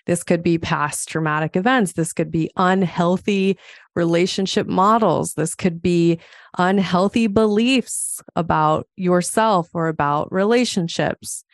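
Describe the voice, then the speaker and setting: Slow, low-pitched woman podcast host. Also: no echo, studio quality. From Montana. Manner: chatty, explanatory, laughs now and then. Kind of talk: solo podcast talk.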